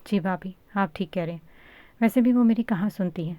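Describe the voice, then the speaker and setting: Storybook: woman reading sad, gentle mother, soft pleading tone. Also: mid-range voice, dry recording, natural voice. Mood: weary. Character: gentle grieving middle-aged mother.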